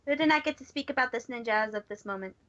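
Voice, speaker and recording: Giggly woman host, high bright tone, dry dull lo-fi mic. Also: very fast, no echo. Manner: giggly, calls on each speaker in turn. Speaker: podcast host. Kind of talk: casual group chat.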